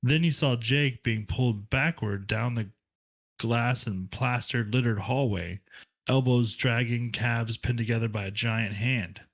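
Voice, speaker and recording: A man reading a novel aloud for a book club, in a plain, steady delivery with occasional slips and restarts. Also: medium pitch, unhurried, poor audio.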